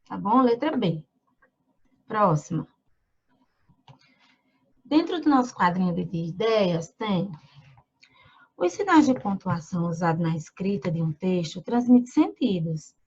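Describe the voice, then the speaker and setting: A woman from Brazil who teaches young children in a remote lesson. She reads slowly, names the punctuation marks aloud and asks the children questions. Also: medium pitch, lively intonation, a little mellow, slightly rough, highs cut off.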